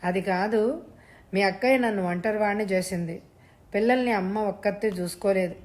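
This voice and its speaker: A woman's voice: medium pitch, moderate pace, a little mellow, natural voice. Woman reading as a hesitant widowed brother-in-law. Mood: hesitant pleading. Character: grieving widower brother-in-law, man, middle-aged, pushy.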